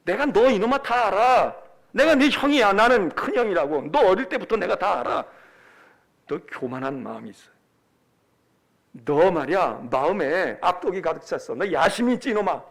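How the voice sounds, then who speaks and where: A man's voice: sits high, lively intonation, moderate pace, gravelly, exaggerated voice. A man preaching acts out a harsh, contemptuous older brother who is scolding a younger sibling in a sermon retelling. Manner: scolding, barking rebukes.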